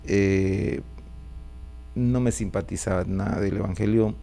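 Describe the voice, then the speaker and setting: A middle-aged man with a Guatemalan Spanish accent speaks as a pastor in an interview. His voice is low and gravelly with noticeable fry. He talks in an easy, chatty way and keeps tagging his sentences with a questioning "right?", over a faint mains hum. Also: fairly even intonation, measured pace, dark tone. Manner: chatty, often tags lines with a questioning "right?". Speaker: pastor and prophet, interview guest. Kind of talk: relaxed testimony interview.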